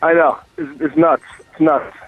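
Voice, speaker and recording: Soft music plays behind a gravelly man with a fairly high voice who speaks unhurriedly and with fairly even intonation, the call dry with no room sound. Driving, he's on his car speakerphone for a casual phone interview as a musician guest, rambling and cursing with lots of fillers over a tinny line.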